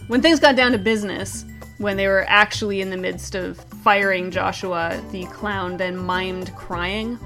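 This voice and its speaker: Woman host, deadpan and brisk, light music bed underneath. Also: medium pitch. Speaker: comedy show host. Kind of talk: scripted comedy news segment.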